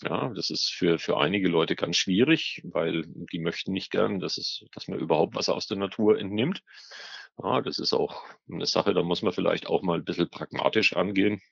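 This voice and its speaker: This expert guest is a biologist on the ornamental fish trade, explaining in interview answers at a moderate pace, with hesitation and repeated words as he gropes for the next one. His voice sits low and sounds creaky and slightly rough, captured lo-fi with no room sound.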